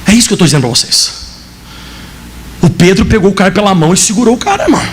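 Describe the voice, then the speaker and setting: Fast, high-voiced preacher. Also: male voice, a little hiss or hum. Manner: animated storytelling, acting out dialogue. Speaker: pastor. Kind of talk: sermon with personal testimony.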